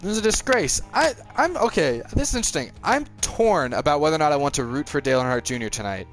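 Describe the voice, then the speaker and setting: This nineteen-year-old streamer is very animated, his voice fairly high-pitched, though the audio is poor and soft background music plays. He rambles and chats casually on a live stream during a racing game, reacting to the race, quickly frustrated and chuckling.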